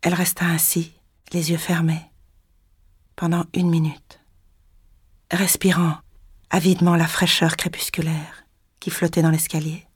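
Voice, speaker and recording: A woman narrating a literary novel in a measured, tense storytelling manner, sometimes dropping to a whisper. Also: lowish voice, little pitch movement, breathy edge, no room sound, clean studio sound. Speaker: audiobook narrator.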